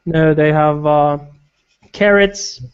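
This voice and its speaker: Man, high voice, crude teasing chat, muffled lo-fi call sound. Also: slow pace, clean tone. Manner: crude, teasing, searching for words. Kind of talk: casual joking chat. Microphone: online group call microphone. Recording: dull, lo-fi call audio.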